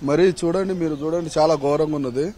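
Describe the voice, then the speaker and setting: A flood-hit man answers a reporter outdoors in a quick, insistent street interview. His voice is a touch high yet dark and soft in tone. He keeps urging the listener to look around. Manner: pleading, insistent.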